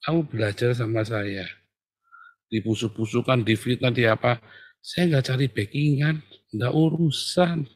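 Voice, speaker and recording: A male preacher giving a sermon in everyday, colloquial language. He suddenly rises into loud exhortation and then drops into quiet, confiding asides, with a voice of medium pitch. The sound is dry and close, with no room echo. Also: unhurried. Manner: swings from loud exhortation to soft hushed asides; colloquial, laughs at his own jokes. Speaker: pastor.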